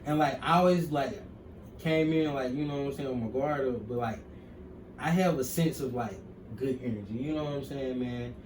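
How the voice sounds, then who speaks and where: A young Southern man from Mississippi, a guest wrestler, talks in a casual interview with a mid-range, slightly mellow voice at normal speed. He uses laid-back slang and keeps dropping "you know what I'm saying." The recording sounds far off, in an echoey room with faint noise.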